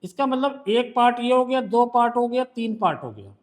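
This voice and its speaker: A man's voice: very high-pitched, expressive, normal speed. A male shorthand teacher with a Hindi accent, patiently quizzing a student during one-on-one tutoring.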